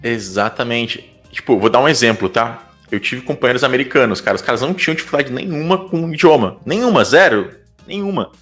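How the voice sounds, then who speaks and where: A man's voice: medium pitch, expressive, fairly quick, few pauses, a bit bright, faint music behind. A young Brazilian man with a Brazilian Portuguese accent, talking casually as an interview guest and leaning on fillers like "cara" and "tipo".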